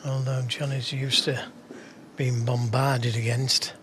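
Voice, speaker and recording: Hushed male snooker commentary. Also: medium pitch, level tone, slow, a little hiss or hum.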